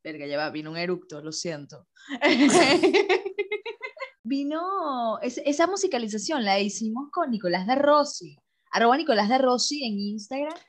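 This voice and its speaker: Giggly woman, slow high voice. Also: big pitch swings. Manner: giggly, joking, drawn-out words. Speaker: podcast co-host. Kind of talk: casual chat.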